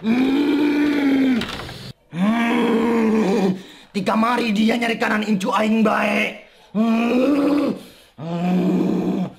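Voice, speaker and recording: In an echoey room, an angry old ancestral spirit possessing a body like a seance medium, comic and high-pitched. It growls and wails very slowly in a Sundanese accent, with humming grunts. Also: male voice, gravelly, crowd noise, exaggerated voice. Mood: angry, aggrieved. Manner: slow, wailing and shouting, with drawn-out humming grunts. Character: angry possessing grandfather spirit speaking through a man.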